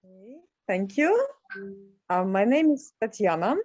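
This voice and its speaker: A woman's voice: mid-range voice, lively intonation, a little slow, a little mellow, no echo, highs cut off. A woman taking part in an online workshop, giving plain, careful answers. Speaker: workshop participant. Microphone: video call.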